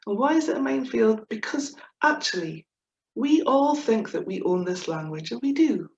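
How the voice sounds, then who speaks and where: A woman's voice: fairly high pitch, animated, normal speed. A woman writer from Scotland with a broad Scottish accent, giving a humorous talk with playful, self-mocking, theatrical delivery. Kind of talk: humorous presentation with read-out verse. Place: indoor room, talk with slides. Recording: echoey room, dull muffled sound.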